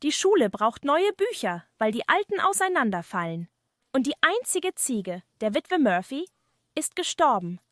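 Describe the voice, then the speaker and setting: A poor, kind-hearted young villager, played by a woman in fireside storytelling. He speaks high and sincerely, with animated, modest politeness and no room sound at all. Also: moderate pace, no echo, clean studio sound. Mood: worried.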